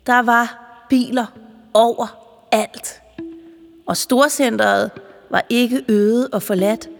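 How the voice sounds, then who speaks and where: A woman's voice: a little high, big-room sound. Woman narrating a children's story.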